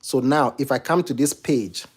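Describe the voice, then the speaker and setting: At normal speed and in a slightly rough, mid-range voice, a young Ghanaian-accented man from Ghana casually answers viewer questions on studying for exams. He's a medical exam tutor recording a Q&A walkthrough at home by the kitchen, chatty and full of restarts and fillers.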